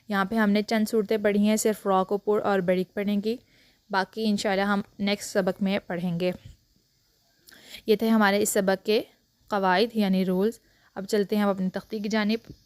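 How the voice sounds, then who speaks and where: A woman, teaching a Quran reading lesson step by step and drawing out letter sounds clearly. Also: medium pitch, a little mellow, no room sound. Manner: slow, drawn-out letter recitation and clear explanation.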